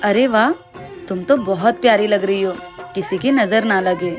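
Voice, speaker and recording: A woman playing an elder sister-in-law who flatters and fusses over the new bride. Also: medium pitch, normal speed, natural voice. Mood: sweet. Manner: flattering and fussy. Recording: music playing behind.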